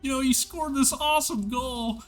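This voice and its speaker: A man's voice: very high voice, normal speed, fairly bright tone, faint music behind, voice pushed up. A man voicing a cheery young Australian hockey fan with a put-on Australian accent, talking in a playful, chirpy way. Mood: gushing.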